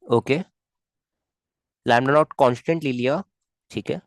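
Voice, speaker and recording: A man's voice: medium pitch, slow, no echo, studio quality. A man teaching physics in a live online class, talking in a coaxing, repetitive way and checking in with students often.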